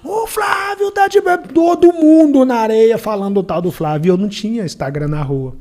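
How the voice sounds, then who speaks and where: At a normal speed, the former beach water vendor turned entrepreneur narrates a personal story on a podcast, performing the dialogue himself. His Brazilian voice is extremely high, expressive, and mellow, his manner colloquial and emphatic.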